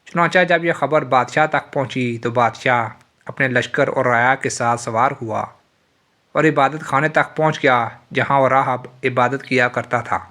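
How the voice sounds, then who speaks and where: A man's voice: medium pitch, fairly even intonation, pushed and bright. Solemn male storyteller. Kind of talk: scripted narration of a religious tale.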